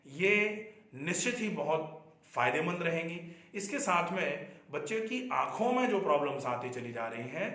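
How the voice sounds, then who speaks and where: A man's voice: a little high, fairly bright tone. A middle-aged man, a doctor, giving health advice in an earnest explanatory talk, repeating points for emphasis. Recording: echoey room.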